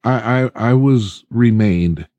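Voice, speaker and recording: A man co-hosting a podcast in casual chat, relaxed and measured. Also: mid-range voice, no room sound, dull audio. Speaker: podcast co-host.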